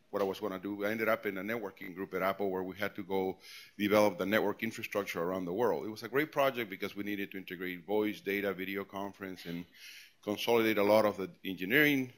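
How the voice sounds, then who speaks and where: A Peruvian man in his forties, a guest speaker, gives employees an informal tech talk, conversational and full of restarts and repeated words. He talks fast in a fairly low, fairly bright voice.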